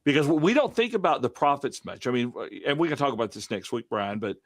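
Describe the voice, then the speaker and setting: A man's voice: medium pitch, very animated, quick pace, dry recording, studio quality. A man hosting a casual online Bible study discussion over a video call, rambling with many fillers. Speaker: host running the online study.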